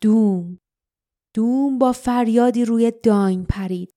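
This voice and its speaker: A woman reads a fantasy audiobook in a steady, dramatic way. Her voice is mellow and dark, and it sits at a middle pitch. The recording is dry and close. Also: no echo. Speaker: audiobook narrator. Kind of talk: scripted audiobook narration.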